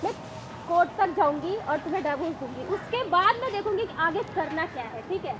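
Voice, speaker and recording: A woman's voice: extremely high pitch, animated, fairly quick, noisy background. An actress playing an angry wife who confronts and scolds her cheating husband. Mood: threatening. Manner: scolding, accusing, repeats "shame on you". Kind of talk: Hindi short-film acting. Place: outdoors in a town.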